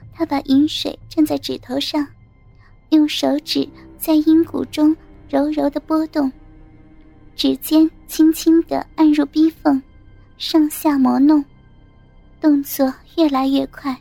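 A woman narrating a story in a steady, measured reading of short phrases. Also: high-pitched, creaky. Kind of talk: scripted audiobook narration.

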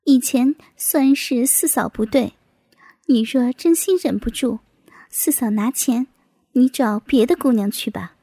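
Cold, firm young wife in an audiobook, lowered voice, as a woman narrator plays her. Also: unhurried, mellow, husky, no room sound, studio quality.

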